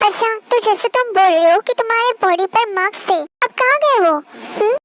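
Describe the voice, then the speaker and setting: A woman's voice: extremely high pitch, brisk, fairly bright tone, a little hiss or hum. A woman voicing a young male friend who doubts and lectures, in a storybook dub with music behind. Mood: doubtful. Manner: disbelieving, lecturing. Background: background music.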